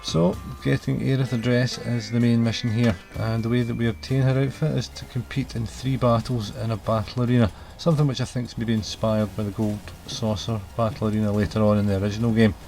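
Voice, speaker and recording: A man giving casual, explanatory video game review commentary, pausing often as he finds his words. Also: medium pitch, little pitch movement, vocal fry. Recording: loud game music behind voice. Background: game music and dialogue.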